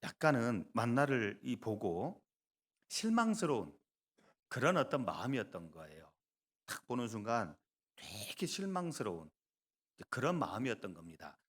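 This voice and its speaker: Male pastor preaching in a lively, sing-song voice, with punchy emphasis, hushed asides and jokes for the pews. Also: lowish voice, normal speed, breathy edge. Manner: animated, swings between loud emphasis and soft asides; joking, conversational asides to the congregation. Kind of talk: sermon.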